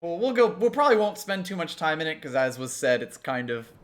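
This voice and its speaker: A man's voice: on the high side, very animated, brisk, fairly bright tone. A man co-hosting a casual video game playthrough, explaining things with dry humor. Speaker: video game let's play co-host. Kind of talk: casual gameplay commentary.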